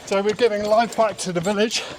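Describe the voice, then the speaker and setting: High-pitched man talking while running outdoors. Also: steady tone, a little fast. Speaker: interview guest. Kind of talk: casual interview answers. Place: outdoors in an urban area, on the move. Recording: clearly noisy outdoor urban recording.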